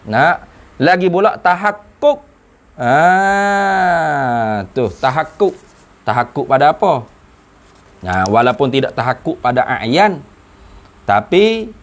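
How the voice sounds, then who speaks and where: A religious teacher works through a classical text line by line. His voice sits fairly high for a man and swings widely in pitch. He keeps stopping to ask the students whether they have understood. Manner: animated, questioning the students often.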